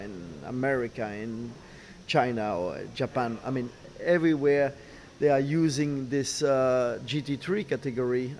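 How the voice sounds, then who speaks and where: Halting middle-aged man, non-native English speaker. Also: mid-range voice, a little mellow. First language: not English. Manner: halting, searching for words, repeats phrases. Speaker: racing team boss, former driver. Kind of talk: interview answers. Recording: clear background noise, ambient sound.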